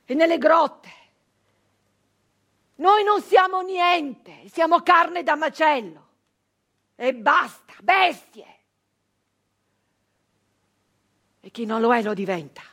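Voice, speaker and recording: A stage actress gives a theatrical monologue as an embittered, wounded nineteenth-century brigand woman. Her husky, high-pitched voice comes out in halting, emphatic short phrases. She sounds bitter and forceful.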